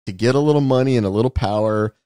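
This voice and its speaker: Talking fast in a mellow mid-range voice, this man co-hosts a laid-back film podcast, pressing his points hard and restating them often. The studio sound is clean with no echo.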